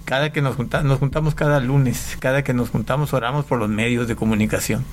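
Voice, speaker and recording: Halting Panamanian-born pastor in studio. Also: male voice, medium pitch, fairly even intonation, a little hiss or hum. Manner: halting, restarts phrases, storytelling. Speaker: pastor, radio guest. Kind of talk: conversational testimony. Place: radio studio. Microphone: studio microphone.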